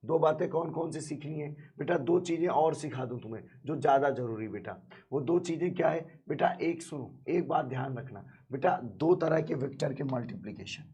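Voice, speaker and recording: A man's voice: a little high, a little mellow, breathy edge. A male math teacher with a sore throat, teaching a live online class, keeps asking students questions and calling them "beta".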